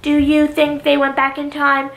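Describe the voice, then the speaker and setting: A young woman talks straight to her camera in a loose, rambling vlog, looping back on her points with lots of "um" and "literally". Her voice sits high with a gravelly fry, a touch hoarse, and the small room around her sounds echoey. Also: completely flat delivery, moderate pace, a bit bright. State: slightly hoarse from long talking. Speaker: YouTuber. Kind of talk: casual vlog monologue.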